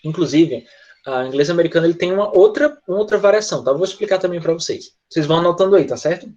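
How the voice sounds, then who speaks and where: A male English teacher explaining pronunciation in an online class, patient, often checking in with quick tag questions. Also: fairly high pitch, a little mellow, muffled recording.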